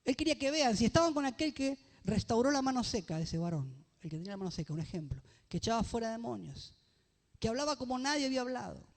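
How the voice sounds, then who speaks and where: A man's voice: very high voice, big pitch swings, vocal fry, long reverb tail. A man preaching a sermon as pastor, rising into emphatic phrases and asking the congregation questions. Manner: reads scripture aloud slowly. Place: church.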